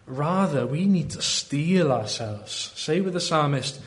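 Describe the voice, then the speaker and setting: A man with a Welsh Valleys accent preaching a sermon in an earnest, deliberate way, often posing rhetorical questions. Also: on the high side, expressive. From South Wales valleys.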